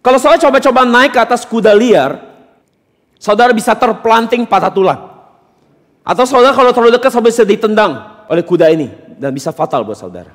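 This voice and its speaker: A man's voice: very high voice, animated, quick pace, in a large hall. A man preaching a sermon as pastor, questioning and teasing his congregation with emphatic points. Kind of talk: interactive sermon. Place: church hall during a service.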